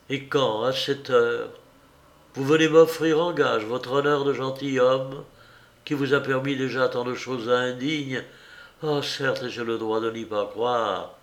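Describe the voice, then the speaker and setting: A man reading a novel aloud voices a proud young woman who hurls bitter, vehement accusations, slowly and with a creaky grain. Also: mid-range voice. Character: proud, scornful young woman, furious heiress.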